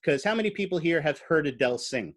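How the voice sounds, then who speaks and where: A slightly high, expressive male voice moves fast through a biology lecture to a class. The explanation is easygoing and conversational, with fillers like "uh" and questions directed at the students.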